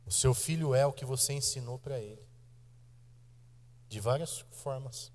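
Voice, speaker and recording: A Brazilian man in his thirties preaching a sermon in a church, his mid-pitched voice carrying a long reverb tail from the hall. He talks straight to the congregation, pressing points hard, stretching some phrases slowly and rushing others. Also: darkish tone. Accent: Brazilian Portuguese. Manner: emphatic preaching with shifts of pace, direct address to the congregation. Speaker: pastor. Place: church sanctuary.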